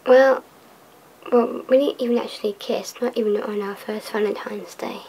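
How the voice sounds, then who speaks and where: A young woman talking haltingly in an interview, with many pauses and restarts. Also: on the high side, fairly even intonation, a little mellow, slightly rough, poor audio. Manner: hesitant, halting. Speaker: cast member. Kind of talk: interview chat.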